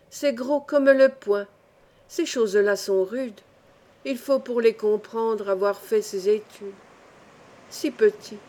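A woman voicing a weary, good-hearted poor fisherman who talks in gruff, plain-spoken resignation. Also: medium pitch, a little mellow, natural voice.

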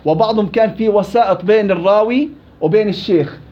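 A man's voice: sits high, fast. A man teaching a recitation class, asking students questions and quoting verses. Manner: questioning, explains with examples and quoted verses. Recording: dull lo-fi classroom recording.

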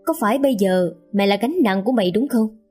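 A woman's voice: medium pitch, fast, a little mellow, breathy edge, soft background music, close to an everyday voice. A woman voicing an anxious, clingy middle-aged mother who pleads with her son. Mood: complaining. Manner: pleading and stammering.

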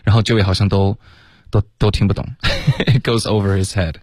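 A man co-hosting a radio English lesson, explaining pronunciation in a relaxed, chatty way, often pausing on fillers and laughing. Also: on the low side, no echo, studio quality. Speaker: English teacher, co-host. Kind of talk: casual explanatory chat mixing in English. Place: radio studio.

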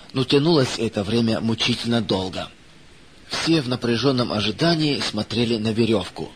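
Man, children's story narrator, measured gentle delivery, mid-pitched voice, faint hiss. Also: low-quality recording.

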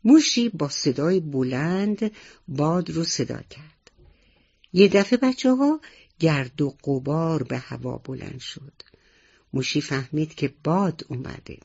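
A woman's voice: low-pitched, sing-song, creaky, a little mellow, slightly rough, highs cut off. Tender sing-song woman storyteller. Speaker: radio storyteller. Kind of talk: bedtime story narration for children.

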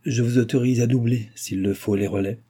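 A man reading a novel aloud, voicing a young royal princess who is brisk, gracious and commanding. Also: medium pitch, fairly even intonation, slightly rough, natural voice. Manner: brisk, imperious, graciously warm. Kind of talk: audiobook character reading.

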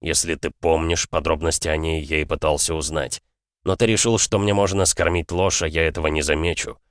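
A man voicing a calm older aristocrat father in an audiobook, measured and coldly matter-of-fact. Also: rumbling low, dry recording. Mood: cool. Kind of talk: audiobook character voice.

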